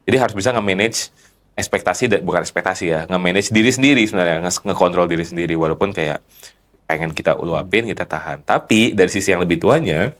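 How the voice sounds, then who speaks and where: Deep-voiced man explaining at length. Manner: explanatory, lays out points step by step. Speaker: guest, company founder. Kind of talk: casual podcast conversation.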